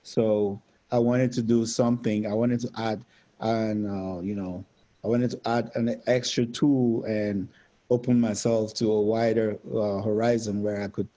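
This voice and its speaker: Low, flat-voiced man from Cameroon, lo-fi. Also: unhurried. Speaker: guest pharmacist. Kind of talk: casual interview. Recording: dull lo-fi sound.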